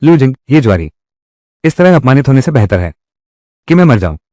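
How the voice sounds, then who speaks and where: A man's voice: medium pitch, big pitch swings, fairly quick, dark tone, dry recording, studio quality, lightly acted. A man dubbing a worried young wife who distrusts her husband and fires off anxious questions. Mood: distrustful. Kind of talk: Hindi dub of a drama.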